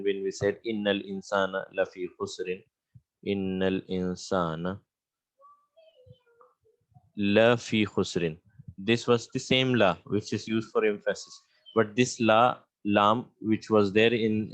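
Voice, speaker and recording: A man teaching an Arabic grammar lesson, explaining step by step with frequent pauses and fillers and reciting Arabic phrases. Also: on the low side.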